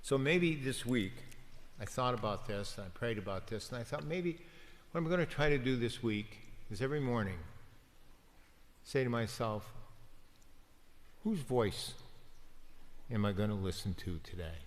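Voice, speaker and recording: A man, a deacon, giving a homily in a gentle, conversational preaching manner with pauses. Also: mid-range voice, animated. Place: church. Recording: long church reverb.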